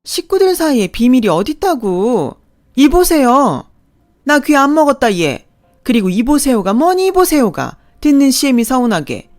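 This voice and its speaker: A woman voicing a pushy older mother-in-law who wheedles and guilt-trips in a raised, loud voice for a radio drama. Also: animated, unhurried, hardly any pauses, no echo, clean studio sound. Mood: scolding. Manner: wheedling, then guilt-tripping and shrill.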